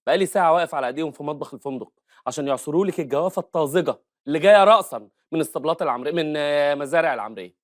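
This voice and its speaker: An actor playing a scheming, flustered Egyptian husband who stammers and mutters asides in a comedy film. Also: male voice, on the high side, animated, very fast, no room sound, studio quality, close to an everyday voice. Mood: coaxing. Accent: Egyptian Arabic. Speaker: comic actor.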